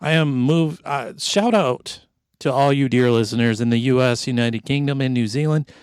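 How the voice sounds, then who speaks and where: A man's voice: mid-range voice, moderate pace, darkish tone, clean tone, no echo. A middle-aged man hosting an improv comedy podcast, rambling along in a jokey, mock-sentimental way. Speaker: podcast host.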